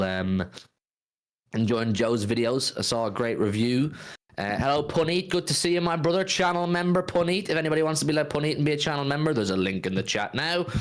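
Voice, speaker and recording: A British man hosting a football fan live stream, chatting casually in a blokey, enthusiastic way and repeating phrases for emphasis. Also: medium pitch.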